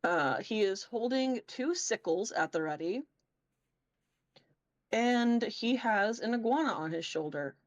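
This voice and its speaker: Slow-paced woman running a tabletop game. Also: mid-range voice, animated, no echo, lo-fi sound. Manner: informal, sweary. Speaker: game master. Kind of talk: casual tabletop game narration.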